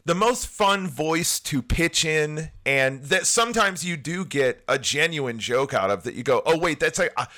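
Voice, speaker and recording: A man who writes TV comedy, talking animatedly as a podcast guest in casual chat, with quick laughing asides. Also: on the high side, expressive, pushed and bright.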